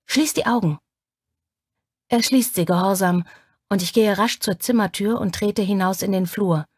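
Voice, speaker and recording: A woman reading an audiobook in first person, with measured, intimate storytelling. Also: medium pitch, a little mellow, husky, dry recording, studio quality. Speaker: audiobook narrator. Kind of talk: scripted first-person narration.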